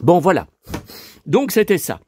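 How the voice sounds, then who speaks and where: Pitch swooping wildly, this high-voiced collector vlogger in his fifties speaks at a measured pace with a slightly mellow, breathy edge and no room sound. Stuffy from a lingering cold and dry in the mouth, he rambles casually to viewers, full of hesitations and restarts.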